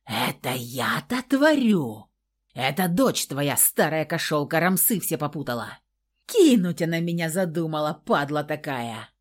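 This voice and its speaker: A woman voicing a brutal, vicious husband who snarls crude threats, read loud and drawn out in an audiobook. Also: deep voice, very animated, unhurried, heavily acted. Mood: snarling. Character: brutal abusive husband, adult man, vicious.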